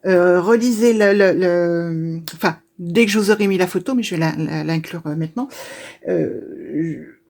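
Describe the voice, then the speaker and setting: A woman chatting casually to her viewers as she unboxes things, talking with many pauses, fillers and restarts. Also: fairly low pitch, creaky, darkish tone. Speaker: YouTuber opening advent calendars. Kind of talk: casual unboxing chat to camera.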